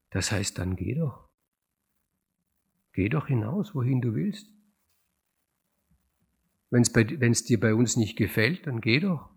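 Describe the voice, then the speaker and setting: A man retelling a classic tragedy as a spoken story, animated and dramatic, with hesitations and repeated words. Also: medium pitch, creaky, slightly rough.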